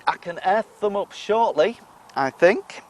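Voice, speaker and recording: A man's voice: sits high, lively intonation, measured pace, slight background noise. A British man talking casually as he walks round his allotment garden, chatty and self-deprecating. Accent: British English. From United Kingdom. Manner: chatty, self-deprecating, talks while eating. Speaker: allotment vlogger. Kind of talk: casual garden vlog walk-through.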